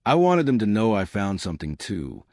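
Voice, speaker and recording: A man voicing a grieving young widow, weary and guarded, speaking quietly and rawly. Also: fairly low pitch, big pitch swings, moderate pace, no echo, studio quality. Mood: hopeful. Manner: quiet, raw.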